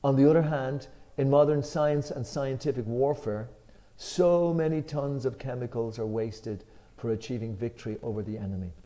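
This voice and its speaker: Leading a discussion of scripture, an Irish-accented man reads from a commentary with emphasis, then unpacks it casually, using some filler words. He speaks at normal speed with a medium-pitched voice.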